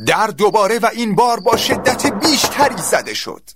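A man narrating a scripted story in a dramatic, expressive way. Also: sits high, loud music behind the voice.

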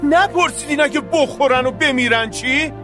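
A man's voice: extremely high pitch, music in the background, voice pushed up. A man voicing a tough, angry young hero who questions sharply and mocks his enemy in an audiobook story. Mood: interrogating. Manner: forceful, mocking, interrogating.

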